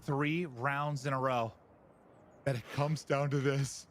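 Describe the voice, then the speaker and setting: Excited male esports caster over game noise. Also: medium pitch. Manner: swings from tense murmur to drawn-out shouts. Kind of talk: excited play-by-play esports commentary. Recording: noisy, game sounds behind.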